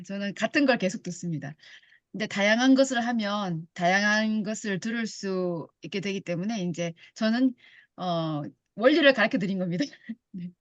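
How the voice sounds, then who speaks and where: A woman coaching English pronunciation, who reads example sentences very slowly and then explains them. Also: mid-range voice, dry recording. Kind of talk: language lesson explaining pronunciation.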